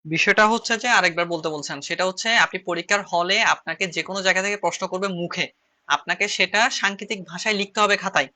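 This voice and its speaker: Male shorthand teacher, Chittagong Bengali accent, high-pitched and quick, repeats phrases while writing. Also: bright, forceful tone. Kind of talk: online class lecture.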